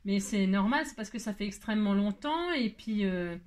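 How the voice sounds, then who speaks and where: A woman hosting a casual craft tutorial, chatting to viewers in a rambling, hurried, self-mocking way with many asides. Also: mid-range voice, animated.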